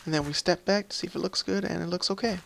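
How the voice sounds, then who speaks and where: In casual Minecraft let's play commentary, a gaming series host rambles and apologizes as he thinks aloud while playing. His tired, slightly scratchy voice sits high and fairly bright, moving fast with vocal fry.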